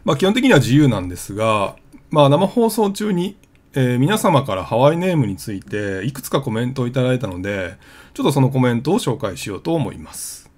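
A man's voice: mid-range voice, big pitch swings, fairly quick. A man hosting his travel vlog, explaining things in a casual, conversational way with plenty of fillers. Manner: chatty, conversational with frequent fillers.

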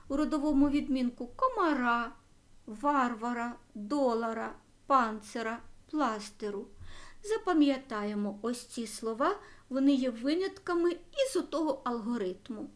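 A woman teacher with a high voice leads a grammar lesson. She talks slowly and with care, setting out each word form for the class to write down. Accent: Ukrainian. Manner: slow, careful dictation of word forms.

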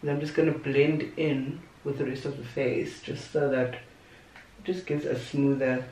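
Her voice is a rumbling low with a steady, darkish tone and a slightly slow pace. A young beauty vlogger, she chats playfully at her bedroom vanity, making talkative asides while applying makeup during a casual tutorial. The desk camera a little away records her from a distance and a bit off-mic, with roomy echo and a little hiss or hum.

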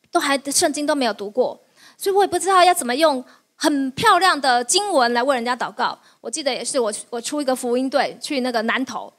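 A middle-aged woman pastor delivers a sermon in a high, bright voice. Her preaching is lively and playful, and she keeps tossing questions to the congregation and answering them herself, often laughing as she goes.

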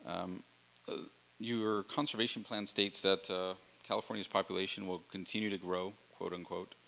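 A man's voice: low-pitched, fairly even intonation, normal speed, gravelly, a bit bright, low-quality recording. A man from the audience asking a question in a council chamber, formal and hesitant with fillers.

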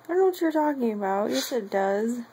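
A woman's voice: on the high side, lively intonation, brisk, mellow, slight background noise. A young woman teasing her boyfriend and laughing in his bedroom. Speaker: girlfriend. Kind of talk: casual chat.

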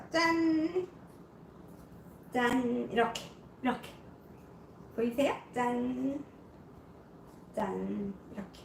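Chatty female home-cooking host, high lively voice, echoey kitchen, mic set back. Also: slight background noise. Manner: chatty, keeps checking viewers can see. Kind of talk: cooking demonstration. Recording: echoey room, distant mic.

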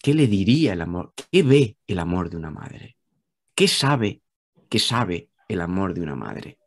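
A man with a Spain Spanish accent, a guest talking calmly about spiritual ideas, repeating phrases and asking rhetorical questions. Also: low voice, a little slow. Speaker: guest speaker. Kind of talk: reflective spiritual talk.

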